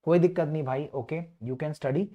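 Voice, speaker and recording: A man's voice: on the high side, rapid-fire, dark tone. A man with a North Indian accent teaching an exam revision class, repeating key words like a chant and prompting students with questions. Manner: mixes Hindi phrases into English. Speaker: medical teacher leading a revision session.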